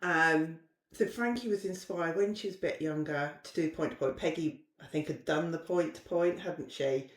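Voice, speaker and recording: A woman's voice: low voice, normal speed. A middle-aged woman, a podcast guest telling stories in a chatty, self-mocking way, recorded in a roomy space. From southern England. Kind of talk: casual storytelling chat. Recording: roomy echo.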